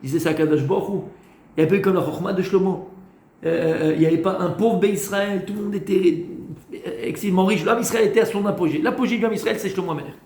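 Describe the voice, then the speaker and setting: In a roomy-sounding space, a rabbi leads a Torah class, raising questions and answering them himself amid hesitant fillers and repeated words. His male voice is high-pitched and a little mellow, and he talks fast.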